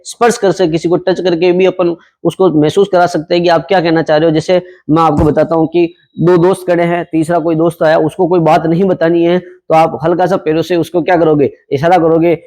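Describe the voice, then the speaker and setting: This is a young man with a high-pitched voice delivering a classroom lecture on exam topics. He explains everything conversationally and keeps asking the class questions, then answers them himself. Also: darkish tone. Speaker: teacher.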